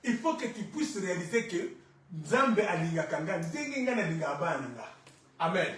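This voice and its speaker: A male pastor preaching a sermon, rising to shouts and falling quiet, with Lingala phrases mixed in. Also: high-pitched, very animated, moderate pace. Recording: echoey church from far off.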